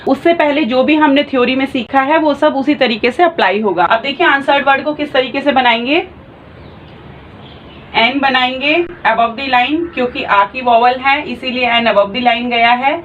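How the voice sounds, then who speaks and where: A woman's voice: high voice, moderate pace, fairly bright tone, lo-fi sound, a little hiss or hum. A woman teaching a shorthand class online. She explains patiently and spells out sounds step by step.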